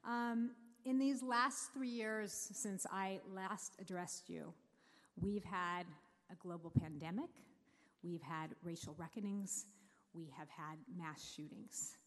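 A woman giving a prepared, heartfelt speech at a civic celebration, slow and deliberate, close to tears at times. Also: lowish voice. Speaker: speaker introducing the mayor. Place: large hall on stage. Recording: long reverb of a large hall.

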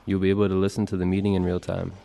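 A man working as a meeting clerk, reading roll calls and announcements in a steady, businesslike way. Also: sits low, rapid-fire, gravelly. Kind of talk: formal public meeting proceedings. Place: large legislative chamber. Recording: long reverb of a large chamber.

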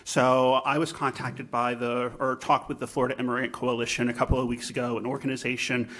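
A man giving measured, polite public comment at a county budget hearing. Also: medium pitch, little pitch movement, a bit bright. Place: county commission chamber.

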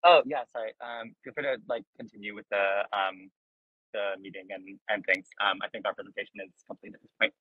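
A man's voice: lowish voice, steady tone, brisk, breathy edge, no room sound. A man calling into a meeting over a clipped phone line from his car, speaking hesitantly and apologetically with lots of fillers. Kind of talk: casual meeting remarks. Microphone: phone call-in.

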